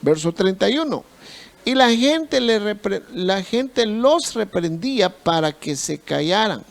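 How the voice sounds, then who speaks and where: Male pastor, sermon, slow deliberate delivery, repetitive emphatic phrasing, gravelly. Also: sits high, very animated.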